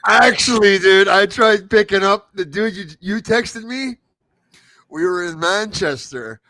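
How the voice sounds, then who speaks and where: A man's voice: high voice, measured pace, pushed and bright, no room sound. A man hosting a livestream. He chats casually, asks his guest questions and laughs often. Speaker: host.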